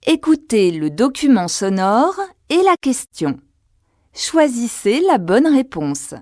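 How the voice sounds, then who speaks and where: Slow, clear woman reading exam prompts. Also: on the high side, big pitch swings, darkish tone, no room sound, studio quality. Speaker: exam audio narrator. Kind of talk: scripted exam instructions.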